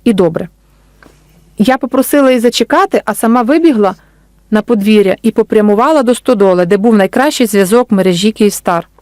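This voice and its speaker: A woman author reading her storybook aloud in a gentle, unhurried way. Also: on the high side, no room sound, studio quality. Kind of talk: storybook narration.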